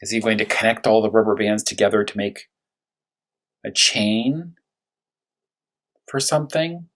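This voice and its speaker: A first-grade teacher with a fairly low, animated voice walks young children through a read-aloud story. He wonders aloud with questions and slows down to stress the key words.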